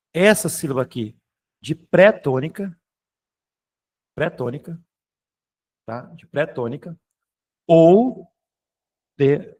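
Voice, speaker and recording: A man with a Brazilian Portuguese accent teaching a grammar class online, explaining step by step and checking in with students often. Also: a little high. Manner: explanatory, keeps checking in with "tá?" and "beleza?"; informal, occasionally swears.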